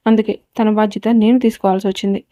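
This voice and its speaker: A woman's voice: medium pitch, level tone, very fast, dry recording, lightly acted. A woman reading the lines of a domineering young man who speaks coldly and makes threats, in a Telugu audio story. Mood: stern. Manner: cold, commanding and quietly threatening.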